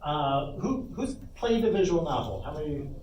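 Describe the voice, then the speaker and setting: A lead game developer presents an informal workshop at a convention panel, speaking off the cuff with asides in a fairly high, very animated voice at normal speed. The lo-fi recording comes from an echoey indoor room with a distant mic and loud background noise.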